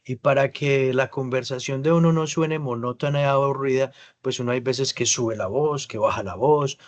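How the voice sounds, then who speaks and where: A man teaching an English class over a video call, explaining patiently and slowly modeling English words. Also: mid-range voice. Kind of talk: online class feedback.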